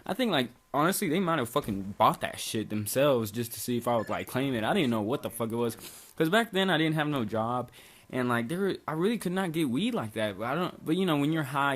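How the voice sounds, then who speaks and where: Over gameplay, a young man from Bosnia casually spins a meandering story thick with swearing and the word "like." His voice is medium-pitched, with a little hiss or hum in the recording.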